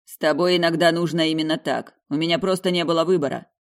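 A woman's voice: low-pitched, steady tone, fast. A woman reading a pompous, self-assured duke. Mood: smug. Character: confident male duke, pompous and teasing.

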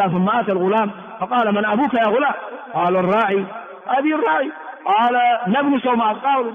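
Male lecturer, high voice, repeats words for students, phone-thin sound with hall echo. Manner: repeats words for students, asks rhetorical questions. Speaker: Islamic scholar teaching a hadith text. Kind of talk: classroom lecture on hadith and grammar. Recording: tinny phone-like echoey hall recording.

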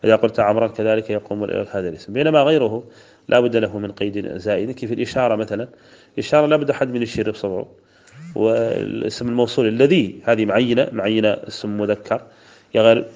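A man with a Mauritanian Arabic accent teaching classical grammar, reciting verses slowly and then explaining them in a measured way with fillers. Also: fairly low pitch, a little mellow. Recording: dull lo-fi recording.

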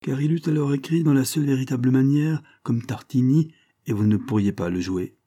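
A man's voice: medium pitch, brisk, warm tone, voice pushed up, lightly acted. A man voicing a pompous old baron. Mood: lofty. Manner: grandiose, emphatic declaiming. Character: pompous aging male baron, proud violin connoisseur.

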